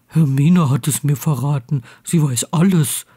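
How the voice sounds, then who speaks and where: A stubborn teenage boy wizard, blunt and grumbling, as a woman reads him in a fan audiobook. The voice sits a little lower than the narration and stays hushed, as if keeping quiet in a dark dormitory. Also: fairly even intonation, moderate pace, slightly rough.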